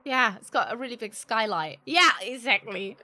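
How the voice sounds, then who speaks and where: Playing a game on a livestream, a British woman keeps up a jokey, casual commentary full of sarcasm and some swearing. She talks at a moderate pace in a fairly high, expressive voice that has a sharp edge.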